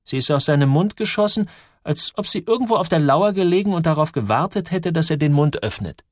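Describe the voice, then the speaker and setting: A man narrating a children's story with expressive storytelling. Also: fairly high pitch, fairly quick, dry recording, clean studio sound. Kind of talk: audiobook narration.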